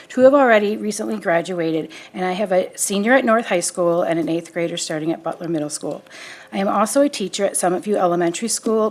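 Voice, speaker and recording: Veteran teacher reading a prepared comment, animated, lesson-style. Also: female voice, medium pitch. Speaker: teacher and parent giving public comment.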